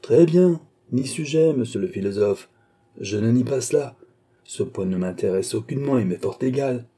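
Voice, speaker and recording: A man's voice: medium pitch, animated, moderate pace, warm tone, close to an everyday voice. A man voicing an old, irascible aristocratic father who mocks and needles his son in an audiobook. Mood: scornful. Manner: scornful, needling, stamping with temper. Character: old irascible nobleman father, mocking and impatient. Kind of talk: audiobook character reading.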